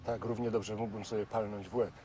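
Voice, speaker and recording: Low-voiced, guilt-ridden army major played by a man. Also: little pitch movement, fast, mellow, lightly acted. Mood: anguished. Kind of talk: film drama acting.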